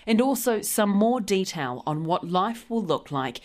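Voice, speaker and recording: A woman with a New Zealand accent hosting a news podcast, reading the headlines in a clear, measured way. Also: medium pitch, big pitch swings, darkish tone.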